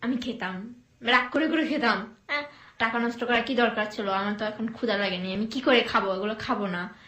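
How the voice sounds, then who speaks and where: A young woman from Bangladesh telling her life story in an interview, speaking softly and hesitantly with many pauses and fillers. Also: a little high, echoey room. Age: young adult.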